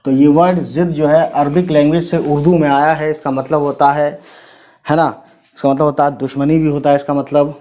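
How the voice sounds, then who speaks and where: Man slowly spelling words for learners. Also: fairly high pitch, level tone, warm tone. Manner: slow, repeats letters and sounds out spellings; frequent "theek hai" and "hai na" tags. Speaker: language teacher. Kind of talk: casual teaching.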